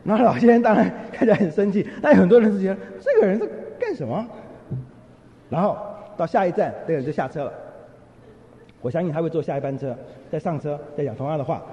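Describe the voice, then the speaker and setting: A man's voice: fairly high pitch, quick pace, a little hiss or hum. A man giving a sermon, telling stories with humor and acting out what people said. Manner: humorous, lively storytelling, acts out quotes. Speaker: preacher. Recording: echoey hall, dull lo-fi sound.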